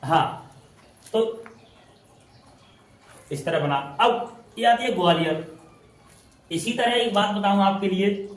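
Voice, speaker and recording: A man's voice: sits high, expressive. A man teaching English pronunciation in a classroom style, repeating and drawing out words as he explains. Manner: repetitive, drawn-out spelling out of words. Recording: echoey room from far off.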